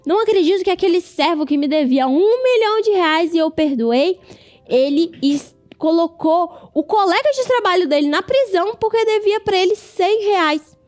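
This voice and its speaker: A woman's voice: very high voice, expressive, normal speed, a little mellow, soft background music. Woman voicing a stern Brazilian king. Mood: indignant. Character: stern then merciful king, adult man.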